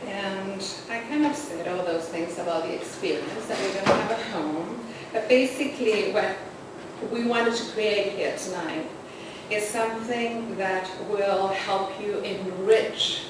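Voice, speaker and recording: A woman's voice: mid-range voice, steady tone, unhurried. A woman hosting a poetry reading and slideshow, introducing the evening in an earnest, somewhat rambling way. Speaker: host and anthology editor. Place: literary arts center event hall. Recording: roomy, distant, noisy hall recording.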